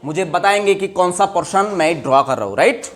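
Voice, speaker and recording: A man's voice: high-pitched, animated, fairly quick. A male biology teacher lecturing to students. He asks question after question, repeats the answers for them, and mixes English terms into his Hindi. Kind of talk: classroom lecture.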